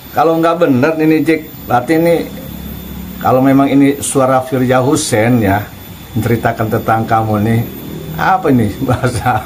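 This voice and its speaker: A man's voice: medium pitch, slight background noise, rough recording. A man hosting an online commentary, mocking and chuckling as he talks to an absent figure. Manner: mocking, chuckles between remarks, addresses absent figure directly. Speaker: commentary channel host.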